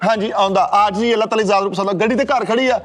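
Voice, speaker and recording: A man's voice: high-pitched, very fast. A man in a comedy sketch, stubbornly scolding and brushing others off. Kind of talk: rapid comic banter.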